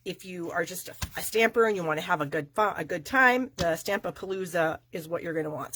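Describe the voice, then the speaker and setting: The host is a middle-aged woman stuffed up with a cold, giving her voice a nasal quality; it sits on the low side and is fairly bright and husky. She chats with viewers of her live stamping craft video in a casual, meandering manner, full of fillers.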